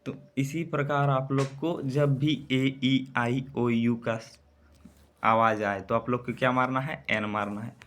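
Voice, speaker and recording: A man teaches English grammar in to exam students, with a voice of medium pitch. He keeps asking the class questions and then answers them himself. He spells out letters and example words slowly. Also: fairly even intonation, fairly bright tone.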